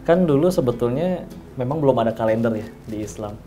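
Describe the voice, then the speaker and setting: A male host leads a relaxed conversation about faith. He explains his points calmly and keeps affirming his guest with short replies. Faint music sits under the talk. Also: medium pitch, fairly quick. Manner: responds often with warm affirmations and explains calmly.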